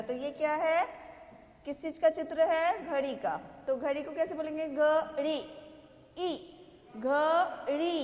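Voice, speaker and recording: High-voiced teacher in an echoey room. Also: female voice. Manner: asks questions and answers them herself, drawing out vowels. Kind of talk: kindergarten language lesson. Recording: echoey roomy sound with long reverb.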